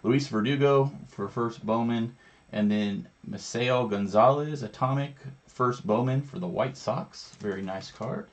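A man's voice: medium pitch, unhurried. A man hosting a live card break, naming each card as he opens packs and chatting casually with viewers. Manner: names each card in a steady running commentary. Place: indoor studio with a branded backdrop.

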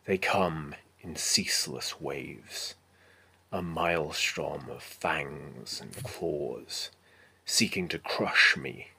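A man voices a resolute, battle-worn armored knight in a dramatic film monologue, declaiming slowly and solemnly, his phrases trailing off breathily. His pitch is extremely low and his tone sharp, the delivery heavily acted and grim, full of foreboding.

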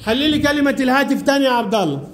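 Very high-voiced male teacher. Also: expressive. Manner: brisk questioning, calls pupils by name and repeats their answers. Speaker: primary school teacher. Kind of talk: classroom lesson. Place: school classroom.

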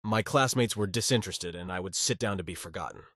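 Narrating and voicing the lead of a visual novel in first person, a man portrays an awkward, jaded teenage human student recounting his life with detached, wry humor. He speaks fast in a low voice that's a bit bright. The audio is studio quality with no echo.

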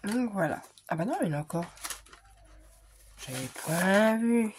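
A woman vlogging casually as she unpacks scrapbooking supplies, thinking aloud with frequent hesitations and quiet murmured asides. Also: mid-range voice, expressive, a little slow, background noise. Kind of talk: casual unboxing chat.

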